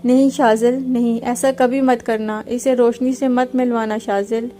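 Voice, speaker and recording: A woman's voice: fairly high pitch, flat delivery, dark tone, soft background music, lightly acted. A woman voicing a jealous, defiant young woman who bursts out indignantly in a storybook reading. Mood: desperate. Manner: indignant, pleading outbursts.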